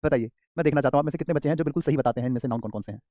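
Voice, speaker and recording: A man with an Indian accent teaching English grammar in an online class, calling students "beta" and slowly repeating key terms. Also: mid-range voice, mellow, no room sound, clean studio sound.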